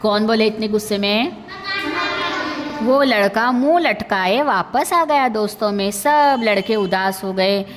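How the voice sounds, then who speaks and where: A woman's voice: medium pitch, a little slow, in a large hall, background noise. A woman teacher telling a story to young children, acting out the characters and asking the class questions. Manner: lively, voices the characters and asks the class questions. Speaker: primary school teacher.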